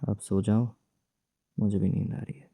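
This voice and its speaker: A man voicing a young husband married to his ex, gruff but tender, in a hushed, soothing, teasing whispered role-play. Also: fairly low pitch, little pitch movement, moderate pace, no echo.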